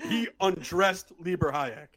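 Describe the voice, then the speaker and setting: A man's voice: high-pitched, a little slow, fairly bright tone. A man co-hosting a podcast, blunt and joking, moving between casual sports talk and sponsor reads. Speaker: podcast co-host.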